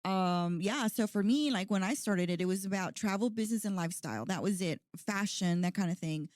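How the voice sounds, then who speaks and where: A woman's voice: medium pitch, a little fast, darkish tone, no echo, clean studio sound. A woman in her forties hosting a podcast, talking in a chatty, earnest way with plenty of "like" and "you know". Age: 40s. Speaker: podcast host. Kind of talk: casual podcast chat.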